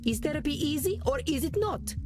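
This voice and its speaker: An actress playing an imperious, sharp-tongued Renaissance vampire noblewoman in a video game, with an Italian accent and a disdainful, commanding manner. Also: high voice, big pitch swings, brisk. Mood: haughty, exasperated. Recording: game music behind.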